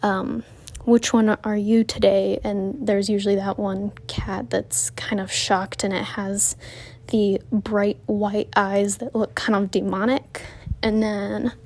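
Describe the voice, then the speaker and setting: A woman's voice: medium pitch, darkish tone. A woman narrating a casual voice-over about her drawing, out of breath because she walks while she talks, chatty and rambling with frequent self-corrections. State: out of breath from walking. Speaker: art vlogger narrating her drawing process.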